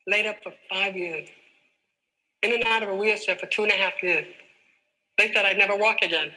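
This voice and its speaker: A woman's voice: medium pitch, steady tone, moderate pace, bright, forceful tone, low-quality recording. A woman in her forties gives a motivational talk, telling her life story in an emphatic, dramatic way. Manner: emphatic, dramatic, acts out her own past dialogue. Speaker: motivational speaker.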